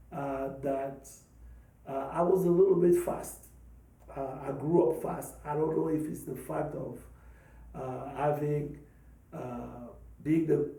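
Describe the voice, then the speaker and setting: A man in his fifties from Congo, a pastor and podcast host, telling his life story slowly and hesitantly, with many pauses and fillers. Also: fairly high pitch, vocal fry, dark tone, reverberant, far from the mic, low-quality recording. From Democratic Republic of the Congo. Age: 50s. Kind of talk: personal testimony talk.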